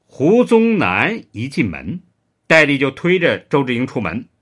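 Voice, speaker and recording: A man narrating a serialized historical story in an expressive, animated way. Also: medium pitch, unhurried.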